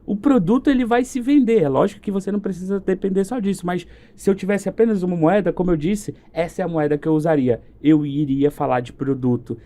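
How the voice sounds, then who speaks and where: Mellow-voiced Brazilian man, animated. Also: high-pitched, fast, few pauses. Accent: Brazilian Portuguese. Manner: animated, acts out quoted exchanges. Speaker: marketing specialist guest. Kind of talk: casual podcast chat.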